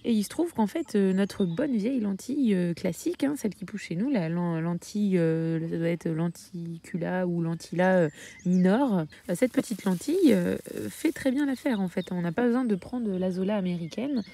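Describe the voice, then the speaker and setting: A woman's voice: medium pitch, animated, normal speed, creaky, mellow. A woman from France talking casually about her hens in a homestead vlog, hesitating often with filler sounds. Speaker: backyard poultry keeper.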